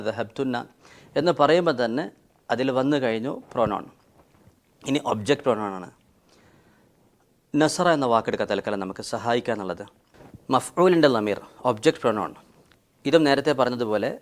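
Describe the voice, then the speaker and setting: A man teaching Arabic grammar in a lesson, patiently explaining and reciting conjugations in drilled lists, mixing in English grammar terms. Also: medium pitch.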